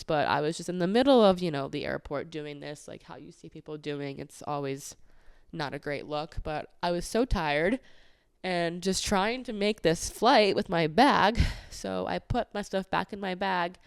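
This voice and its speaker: Woman, podcast host, casual storytelling, lots of "like", smooth clear voice, dry close sound. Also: deep voice, dry recording. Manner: chatty, many filler "like"s, exasperated retelling.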